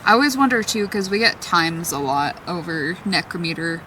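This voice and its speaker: A woman talking casually in an excitable, chatty way as she questions spirits aloud in a vlog. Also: fairly low pitch, normal speed. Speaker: paranormal investigator. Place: outdoors in a forest at night. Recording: distant mic, clearly noisy outdoor ambience.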